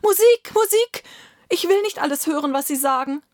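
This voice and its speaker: A woman's voice: a little high, animated, a little slow, no echo, clean studio sound, voice pushed up. A woman voicing a dying old male emperor who begs desperately and cries out in panic. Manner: crying out in panic, begging.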